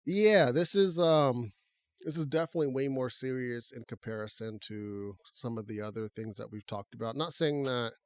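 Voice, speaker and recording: Male podcast co-host, mid-pitch, casual and conversational, close dry mic. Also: moderate pace, clear, resonant tone, no echo. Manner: relaxed, conversational, talks through restarts.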